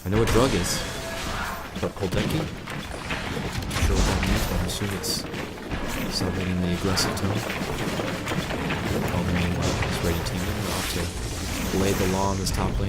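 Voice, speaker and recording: A man giving casual, rambling live play-by-play commentary on a video game, correcting himself as he goes. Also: low voice. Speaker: esports caster. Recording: music and game battle sounds behind. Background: game music with battle sound effects.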